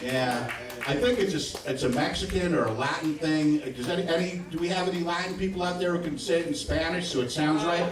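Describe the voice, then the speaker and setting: A man's voice: a little high, fairly quick, a crowd in the background. A man in his fifties doing a crude, rambling live stand-up set, with frequent asides to the audience. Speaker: stand-up comedian. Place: comedy club stage. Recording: roomy, distant club recording.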